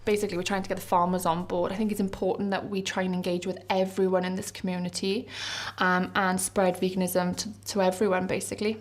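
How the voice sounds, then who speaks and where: A woman's voice: fairly low pitch, level tone, fast talker. Earnest South Wales valleys woman. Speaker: vegan activist. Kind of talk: documentary interview.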